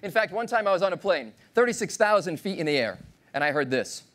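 Animated man giving a lively keynote. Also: high voice, quick pace. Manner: animated, playful, audience-engaging, acts out voices. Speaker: keynote speaker. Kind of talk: motivational keynote speech. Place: large conference stage with audience.

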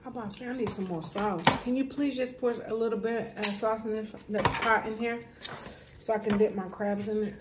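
A woman's voice: fairly high pitch, steady tone, normal speed, noisy background. A woman hosting an eating video, talking casually with her mouth full while biting a crab leg. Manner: talks with mouth full, chewing between words. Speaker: mukbang host.

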